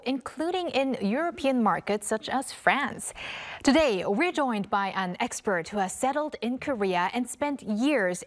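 Woman hosting an interview show. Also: on the high side. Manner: scripted, measured introductions. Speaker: host.

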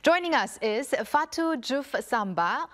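A woman co-host reading a scripted guest introduction in a bright, welcoming way. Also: high-pitched, animated, unhurried.

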